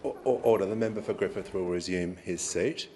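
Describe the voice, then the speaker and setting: An Australian man presiding as speaker of parliament, shouting for order in stern, repeated commands. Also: sits low, fairly quick. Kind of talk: parliamentary procedural rulings. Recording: echoey chamber with noisy crowd. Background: parliamentary crowd noise.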